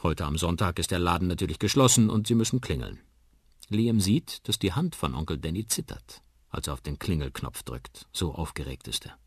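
A man narrating a children's story on the radio in an expressive, vivid way. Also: sits low, a little fast, husky, dry recording, clean studio sound. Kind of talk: children's audiobook reading.

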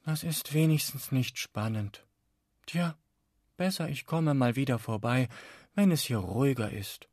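A man voicing Boredom itself as a sickly, self-absorbed female creature in a radio storybook, languid and sulky, with a husky voice. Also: mid-range voice, unhurried, darkish tone, no echo, clean studio sound, pitched above the performer's own voice, natural voice.

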